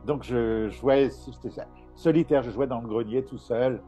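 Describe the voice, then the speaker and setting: A man's voice: medium pitch, moderate pace, mellow, faint music behind. A middle-aged man, a medium, telling stories from his life in a casual interview, laughing often and restarting his sentences. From Paris. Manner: chatty storyteller, laughs often, many restarts. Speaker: medium and author, interview guest.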